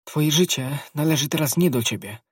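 A man voicing an anxious, loyal young woman in a storybook, with a husky voice raised well above his own. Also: on the high side, normal speed, no echo, studio quality, pitched above the performer's own voice. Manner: pleading, fearful.

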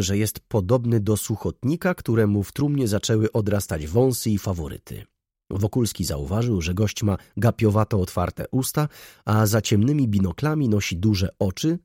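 A low, husky male voice narrates a novel with a lively, expressive pitch. The sound is close and dry. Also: no echo. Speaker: audiobook narrator. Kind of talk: scripted narration.

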